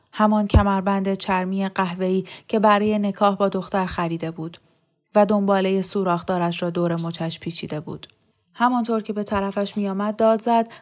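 Calm woman reading a novel aloud. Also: medium pitch. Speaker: audiobook narrator. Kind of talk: scripted narration.

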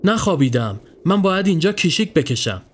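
A man's voice: high voice, big pitch swings. A man voicing a stubborn nine-year-old boy standing guard, answering tersely and defensively.

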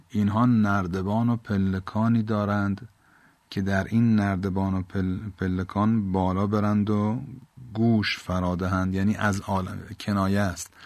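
A man with a lowish voice teaches a Quran exegesis lesson. He recites each Arabic phrase and then explains its words patiently. The sound is dry and close. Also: dry recording.

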